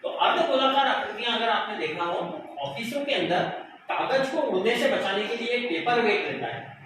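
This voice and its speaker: A male math teacher speaks at a moderate pace in a very high, somewhat bright and animated voice. During the lesson he asks the pupils questions and answers them himself. Recorded distantly in a noisy room with echo.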